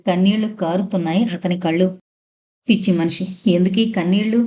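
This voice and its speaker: A woman's voice: lowish voice, fairly even intonation, fairly quick, mellow. A woman narrating a novel aloud in the first person, with an emotional reading style. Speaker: audiobook narrator.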